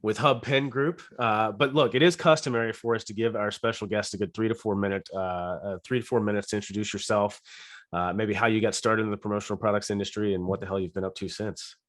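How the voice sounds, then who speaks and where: A man with a raspy, cold-roughened voice hosts a casual industry podcast. His voice sits low and the close mic is dry and roomless. He talks in a relaxed way, with fillers and restarts as he reads sponsor spots. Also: fast, no room sound. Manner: relaxed, filler-heavy, self-correcting. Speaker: podcast host.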